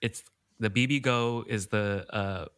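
Podcast host guy, bright crisp voice, dry close mic, laughs a lot. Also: lowish voice, unhurried, no room sound. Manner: chatty, laughs often. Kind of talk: casual podcast chat.

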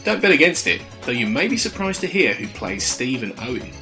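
A man's voice: medium pitch, sing-song, fairly quick, bright, forceful tone. A man hosting a podcast, reading a scripted introduction. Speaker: podcast host. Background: music.

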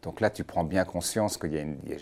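A man's voice: deep voice, quick pace, creaky, darkish tone. A man hosting an interview, asking long, rambling questions that he rephrases as he goes. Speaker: interview host. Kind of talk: conversational interview.

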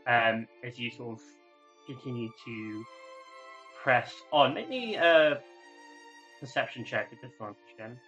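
A man working as game master, improvising narration for a tabletop game in halting fragments. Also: medium pitch, lively intonation, bright, forceful tone, muffled recording, soft background music. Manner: halting, feeling for words in short fragments.

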